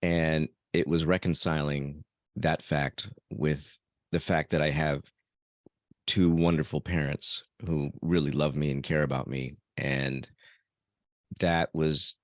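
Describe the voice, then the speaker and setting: A Salvadoran podcast host, interviewed in a casual conversation, answers reflectively and thinks aloud with some fillers. His rumbling low voice stays level and slow. The audio is clean studio sound with no room echo.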